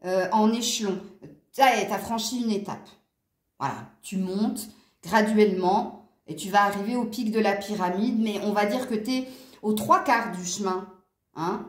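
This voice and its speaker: Rambling through a relaxed tarot reading for her viewers, a woman with a southern French accent fills her talk with fillers and asides. Her voice is slightly high, and the sound is roomy.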